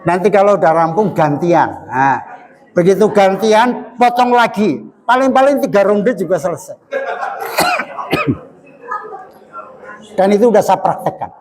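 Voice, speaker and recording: An older man preaches to a morning study group with a Banyumas Javanese accent. His voice sits high for a man. It rings with long reverb through a mosque hall as he jokes and acts out little dialogues. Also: huge pitch swings, slow pace, long pauses. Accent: Indonesian, Javanese Banyumas. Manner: folksy, joking, acts out quoted dialogue. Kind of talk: religious study talk.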